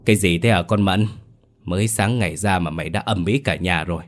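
A man doing a gruff old house master. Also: sits low, a little fast, natural voice. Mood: annoyed. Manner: gruff, scolding.

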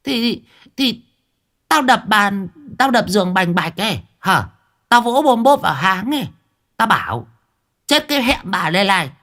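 A defiant old village woman curses with scorn and fears nothing, as a male storyteller puts her on. Her voice swings widely in pitch. She lives alone and talks coarsely. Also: very animated, a little slow, pushed and bright, exaggerated voice. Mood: fierce. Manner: coarse, scornful, swearing boldly.

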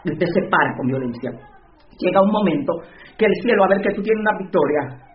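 A woman's voice: lowish voice, lively intonation, brisk, lo-fi sound, slight background noise. A woman with a Dominican accent preaching a fiery sermon and testimony, urging her listeners with combative energy. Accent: Dominican Spanish. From Dominican Republic. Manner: urgent, combative exhortation, slips into voices.

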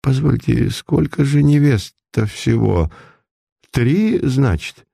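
A man's voice: mid-range voice, animated, slow pace, vocal fry, a little mellow, dry recording, clean studio sound, pitched above the performer's own voice, full character voice. A man voicing an elderly, frightened priest who stammers and speaks with deferential, trembling politeness. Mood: trembling confusion.

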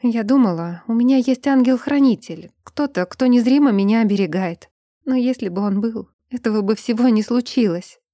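A woman's voice: on the high side, moderate pace, warm tone, dry recording, studio quality, lightly acted. A woman voicing a scared young vampire woman. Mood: tearful fearful. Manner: pleading, raised voice when upset.

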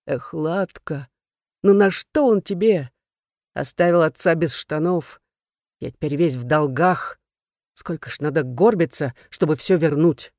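A reader voicing a gruff, blunt, tired middle-aged father who speaks curtly. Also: a little high, a little slow, a little mellow, no room sound, studio quality. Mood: weary. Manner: curt, growling.

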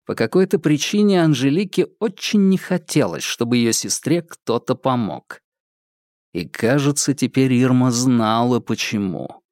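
Sex: man. Role: audiobook narrator. Style: scripted narration. Pitch: lively. Sound: dry. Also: a little slow, no room sound.

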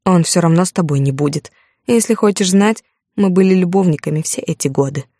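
A woman's voice: fairly low pitch, fairly quick, mellow, no echo, clean studio sound, lightly acted. A woman reading an audiobook, voicing a smug young woman who speaks in a mocking, scornful tone.

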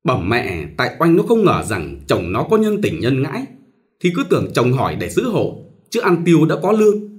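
Man doing a polite, worried son, lively pitch. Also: moderate pace. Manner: polite and deferential to his mother. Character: grown son, deferential yet worried.

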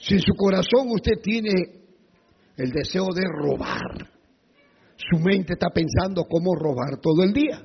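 Brief: male pastor, emphatic sermon delivery, husky gravelly voice, long reverb on a dull lo-fi recording. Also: high-pitched, lively intonation, unhurried. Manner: emphatic, repetitive rhetorical questions.

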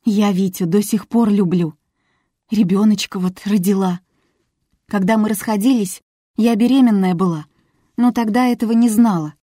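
A woman's voice: medium pitch, normal speed, warm tone, no room sound, studio quality, close to an everyday voice. A woman reading as a hurt young woman who pleads her case in a raised, earnest voice. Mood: defensive.

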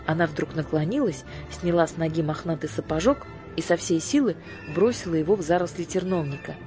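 Низкий женский голос читает сказку. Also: female voice, sits low. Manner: measured, expressive storytelling. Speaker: narrator. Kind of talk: audiobook narration. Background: faint music.

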